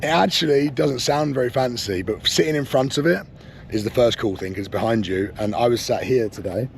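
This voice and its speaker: A man hosting a car vlog outdoors at an airfield, chatting casually in a mid-pitched voice. He jokes and laughs along with a friend. Engine and street noise sit clearly behind him. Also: fairly quick. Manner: laughing, joking banter. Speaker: car vlogger. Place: outdoors at an airfield near cars.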